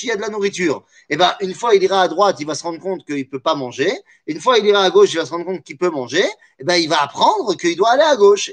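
A man teaching a Torah study lesson, explaining with animation, weaving in Hebrew terms and jokey asides. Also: high-pitched.

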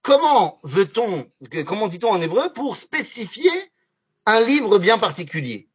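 A man teaching a lively religious lesson on Hebrew words to a class, often asking his students questions. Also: high voice, a little slow, slightly rough. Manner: animated, asks the class questions. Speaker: Torah teacher.

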